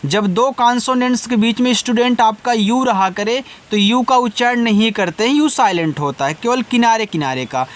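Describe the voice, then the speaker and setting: A man teaching English words letter by letter, spelling slowly, then explaining patiently and answering his own questions. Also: very high-pitched. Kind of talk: Hindi-language spelling lesson.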